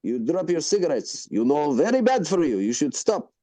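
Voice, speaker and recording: A man voicing a stern older male bagel shop owner, gruff and clipped. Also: on the high side, very animated, moderate pace, dark tone, no room sound.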